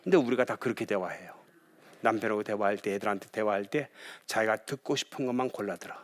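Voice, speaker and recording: A man who is a pastor gives a lively lecture on marriage and conversation, often putting questions to his audience. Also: lowish voice, quick pace.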